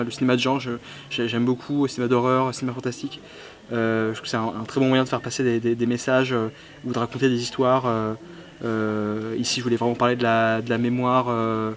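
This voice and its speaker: A young film director from the south of France answers interview questions at a film festival, halting often with fillers and restarts. His voice is mid-range, with a little hiss or hum in the recording.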